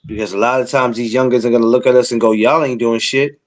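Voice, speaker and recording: A blunt man in his forties hosts a casual podcast. He talks in streetwise slang and lectures a little as he gives advice. His voice sits at an ordinary pitch. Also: fairly even intonation, fast talker. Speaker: podcast host.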